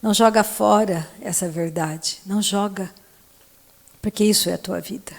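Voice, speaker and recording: A woman's voice: medium pitch, normal speed, gravelly. A woman pastor with a Brazilian Portuguese accent, preaching and leading fervent prayer that the congregation repeats. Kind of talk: sermon and prayer. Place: church hall. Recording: long hall reverb.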